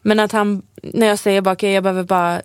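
A woman's voice: mid-range voice, flat delivery, clean tone, dry recording. Chatty young woman podcasting, dry sound. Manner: chatty, laughs often, trails off into fillers. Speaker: podcast co-host. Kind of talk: casual chat.

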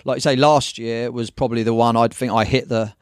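Casting: English man, rapid rambling storyteller, slangy, dry close mic. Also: medium pitch, fairly even intonation, smooth, no room sound. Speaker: guest, surf magazine owner. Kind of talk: casual podcast chat.

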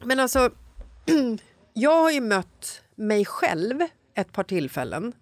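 Relaxed chatty woman co-host. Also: a little high, no echo. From Sweden. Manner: relaxed, chatty, lots of short agreeing replies. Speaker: podcast co-host. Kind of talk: casual chat.

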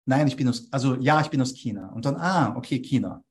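A man's voice: mid-range voice, expressive, fast. A young man from Vienna, explaining copywriting ideas as an interview guest and checking in with a questioning "ja?" after his points. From Austria. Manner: tags statements with a questioning "ja?".

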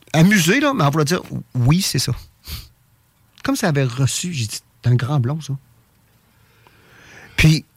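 A man with a Québécois French accent tells a personal story in a casual, animated way, stumbling over and repeating his words. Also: on the high side, dry recording. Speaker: guest telling an experience.

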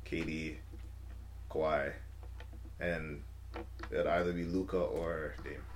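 A man's voice: a bass voice, flat delivery, slow, a little hiss or hum. A man co-hosting a casual podcast, chatting in an informal, slangy way. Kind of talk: casual chat.

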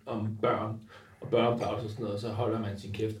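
A man's voice: lowish voice, flat delivery, recorded from a distance. A young man giving his opinions in casual conversation, recorded roomy and off the microphone.

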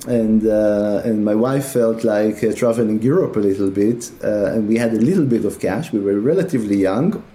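Hesitant Israeli-raised man, mellow voice. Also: lowish voice, moderate pace, few pauses. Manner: many hesitations and filler sounds. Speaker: guest, tech company executive. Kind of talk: casual interview talk.

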